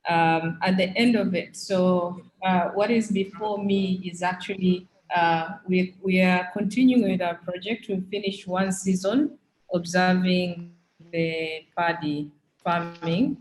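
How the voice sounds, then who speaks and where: A woman's voice: lowish voice, steady tone, slow pace, slight background noise, poor audio. A woman from Tanzania speaking up on a video call, hesitant and full of fillers. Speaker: webinar participant. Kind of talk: casual remarks on a video call.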